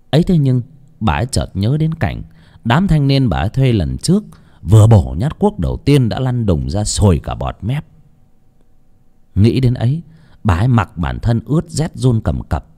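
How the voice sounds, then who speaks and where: A man narrating a horror story for an audiobook, telling it expressively. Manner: expressive storytelling with wide swings in pitch. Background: faint music.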